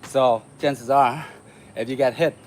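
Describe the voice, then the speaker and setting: A man from Vietnam hosting a martial arts livestream, chatting casually with viewers while he warms up, with lots of uh fillers. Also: mid-range voice, measured pace, slight background noise. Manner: relaxed, chatty, many uh fillers, laughs often. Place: home in the city.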